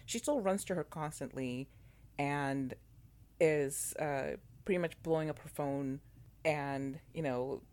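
Deep-voiced woman, talkative co-host, lots of restarts and fillers. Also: slow pace. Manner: animated, many fillers and restarts. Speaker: podcast co-host. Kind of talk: casual chat about a TV show.

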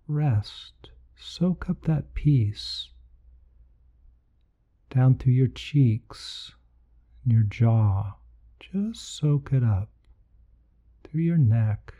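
A man leading a guided meditation in a soothing, gentle, unhurried manner that softens at times toward breathiness. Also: medium pitch, dull audio. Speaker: meditation podcast host.

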